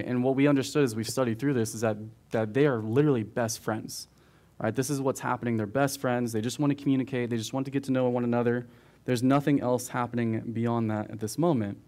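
A man, a pastor, reading scripture and explaining it in a relaxed, conversational way, often asking "right?". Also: medium pitch. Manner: conversational, with fillers and frequent "right?". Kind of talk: verse-by-verse Bible teaching.

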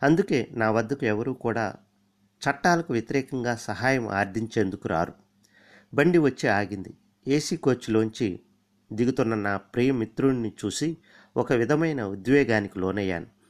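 A middle-aged man reads a first-person story aloud. His voice sits at a medium pitch, and he keeps a measured, even pace from line to line. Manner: measured, steady reading.

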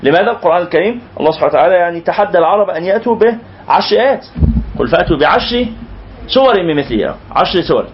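A man's voice: high voice, animated, rapid-fire, dull audio, background noise. A man with an Egyptian accent teaching a lecture, explaining terms word by word and restating them again and again. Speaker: religious teacher. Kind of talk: lecture explaining a classical poem.

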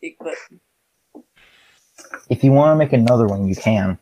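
A young man chatting casually on a video call, breaking into a high cooing baby voice for his dog. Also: lively intonation, fast, dark tone, poor audio.

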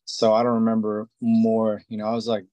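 A man's voice: lowish voice, completely flat delivery, brisk, mellow, dry recording, highs cut off. A man in his forties from Israel, a tattoo artist, talking casually in an interview and rambling with many fillers and restarts. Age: 40s.

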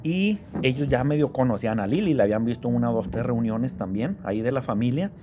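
A man telling stories in relaxed conversation, often chiming in with quick agreement. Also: mid-range voice, noisy background. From Mexico. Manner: conversational storyteller, frequent affirmations. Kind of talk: casual chat.

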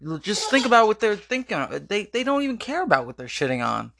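A man's voice: sits high, big pitch swings, quick pace, vocal fry, a bit bright. A young man in casual chat with his girlfriend, answering her questions in a rambling, profane way with restarts and repeated words.

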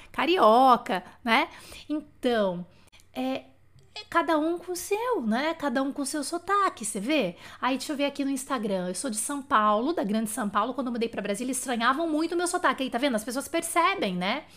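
A woman's voice: high-pitched, a bit bright. A Brazilian woman hosting a casual live lesson, talking conversationally to viewers and often checking in with questions. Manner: chatty and conversational, often addressing listeners with questions and check-in tags. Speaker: live-stream host and language teacher.

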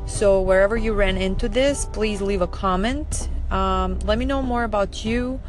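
A woman's voice: mid-range voice, normal speed. Upbeat Serbian woman with background music. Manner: upbeat, enthusiastic, direct. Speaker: firearms instructor. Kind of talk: recorded voice message to followers.

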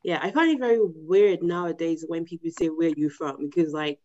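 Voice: medium pitch, moderate pace, a little mellow, a little hiss or hum. A podcast host from Spain asking questions in a casual interview, chatty and thinking aloud, often checking in with "right?". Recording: dull lo-fi dry sound.

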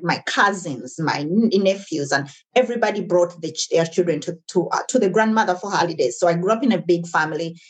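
A Ugandan-born woman in her forties, with a fairly low, husky voice, speaks earnestly as a guest in a casual interview about her businesses as an entrepreneur. She often restarts her sentences and repeats words.

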